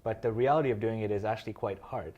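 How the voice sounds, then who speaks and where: A man from Kenya, in his thirties, answering interview questions. His voice sits fairly low. He explains things in a measured, unhurried way, with many "um" fillers along the way. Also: warm tone, lo-fi sound. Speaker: interview guest, social finance founder.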